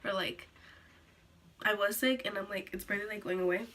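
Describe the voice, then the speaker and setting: A teenage girl telling a sit-down story to her camera, rambling with lots of "like"s and restarts, a little hoarse from being sick. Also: mid-range voice, steady tone, fairly quick, a bit bright. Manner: rambling, filler-heavy, many "like"s and restarts. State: recovering from illness, coughing. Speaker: vlogger.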